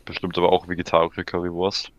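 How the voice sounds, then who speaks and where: A man's voice: deep voice, completely flat delivery, fast talker, dull audio. A man in casual chat, adding dry, teasing remarks.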